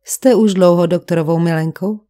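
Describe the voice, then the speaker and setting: A woman reading the lines of a calm, probing middle-aged male police commissioner in an audiobook, with measured, gentle questioning. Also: fairly low pitch, close to an everyday voice. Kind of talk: audiobook character voice.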